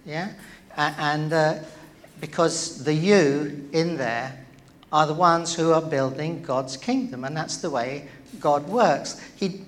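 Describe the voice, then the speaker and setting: A man preaching in church, his voice sitting a little higher than most men's. He talks to the congregation in a loose, chatty way, with plenty of ums and direct questions. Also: takes it slowly. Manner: conversational, with many fillers and questions to the congregation. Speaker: pastor. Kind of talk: sermon.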